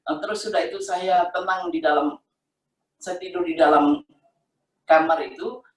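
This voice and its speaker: A woman's voice: fairly low pitch, normal speed. A middle-aged woman tells her personal faith testimony in an emotional, conversational way, often repeating herself. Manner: emotional, repetitive, conversational storytelling. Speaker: testimony giver. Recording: roomy sound from a distant mic.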